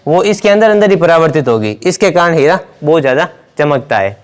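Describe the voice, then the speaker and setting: A man's voice: a little high, lively intonation, brisk. A man teaching a science lesson, explaining step by step and repeating key words as he writes on the board. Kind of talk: blackboard lesson.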